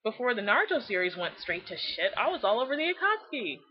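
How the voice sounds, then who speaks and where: This fan video host is a young woman who talks fast, with a slightly high, very animated voice. A little hiss or hum sits under her lo-fi recording as she reads scripted commentary that is sarcastic, over-the-top and profane.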